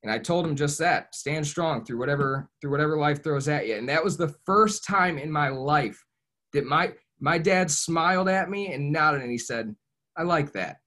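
A man's voice: fairly high pitch, normal speed, sharp tone. Earnest young man sharing his story. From Ohio, USA. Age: young adult. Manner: earnest, reflective storytelling with frequent restarts and "you know". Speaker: podcast guest. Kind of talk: casual podcast interview.

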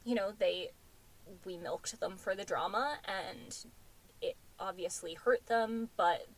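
A woman co-host recaps an episode in relaxed, rambling chat. She leans on fillers and trails through her thoughts. Faint noise sits under the voice. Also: medium pitch, slow pace, poor audio. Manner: chatty, many fillers like "um" and "like". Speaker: podcast co-host.

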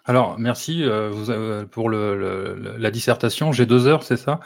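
A man talking through a tech topic on a casual podcast, stumbling over repeated words and filling pauses as he thinks aloud. His voice sits on the low side. The sound is dry and close, with no room around it. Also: gravelly, no echo. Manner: hesitant, many fillers and restarts, chuckles. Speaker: co-host presenting the topic.

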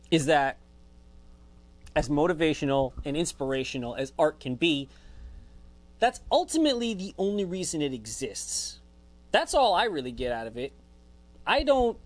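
This podcast host is a man in his twenties with a somewhat high voice, caught on a dry recording. His casual monologue wanders, swears freely and stays relaxed throughout.

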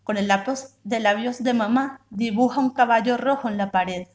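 Lady reading a kids story out loud, bit high-pitched, calm and expressive. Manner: measured and expressive. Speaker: reading promoter. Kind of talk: storytelling read-aloud.

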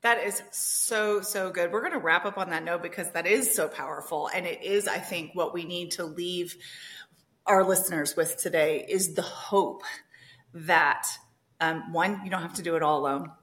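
A woman's voice: fairly low pitch, moderate pace. A woman hosting a podcast, affirming her guest and wrapping up with encouragement. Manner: warm affirming responses, encouraging wrap-up. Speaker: podcast host. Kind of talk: podcast interview.

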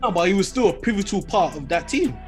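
A man's voice: sits high, expressive, fast, faint music behind. A young man with a London roadman accent, debating football casually and repeating his verdicts argumentatively. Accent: London, urban British slang. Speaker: podcast co-host.

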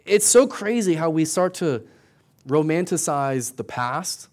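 With a fairly high voice, this middle-aged pastor preaches in an animated yet unhurried manner. His sermon feels conversational, peppered with "right?" and frequent restarts.

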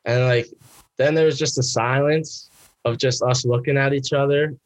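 A man's voice: mid-range voice, fairly even intonation, normal speed, no room sound, low-quality recording. A young man, a college student guest on a podcast, telling a story casually with lots of fillers and a self-deprecating laugh. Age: young adult. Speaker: guest, college baseball player.

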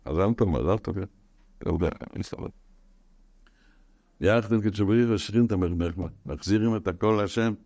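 Man teaching Torah, very deep voice, animated and repetitive, dry close sound. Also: pauses often, no room sound. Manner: animated, repetitive, rising to emphatic outbursts.

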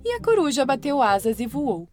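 A woman tells a children's story with a Brazilian Portuguese accent, her voice riding up and down with lots of expression. Soft music plays quietly behind her. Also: high-pitched, normal speed. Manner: lively, expressive, warm-hearted. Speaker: storyteller, podcast host.

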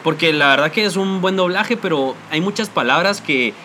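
A man's voice: fairly high pitch, normal speed, pushed and bright, a little hiss or hum. A Guatemalan man co-hosting a podcast, talking in a musing, conversational way and asking questions. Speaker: podcast co-host. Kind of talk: casual podcast chat.

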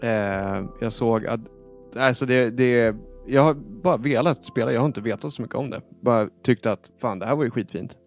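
Man, mid voice, teasing casual gaming chat, laughs a lot, faint music. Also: mid-range voice. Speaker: podcast co-host.

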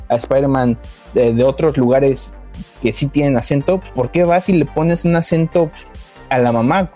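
A man's voice: a little high, mellow. A man with a Mexican accent chatting casually on a podcast, rambling with lots of filler words and restarts.

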